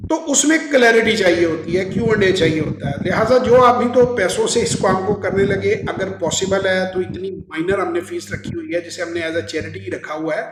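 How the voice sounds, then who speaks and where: A man's voice: sits high, few pauses, roomy sound, background noise. A man who hosts a finance channel, explaining investing in an earnest, teacherly way and mixing in English phrases. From Pakistan. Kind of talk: informal lecture to camera.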